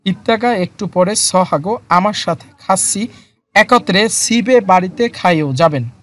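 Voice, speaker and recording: A teacher explaining a textbook lesson in a slow word-by-word way, repeating each term with frequent fillers. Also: mid-range voice, a bit bright. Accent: Bangladeshi Bengali. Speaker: Korean language teacher. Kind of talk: lesson explaining vocabulary and grammar.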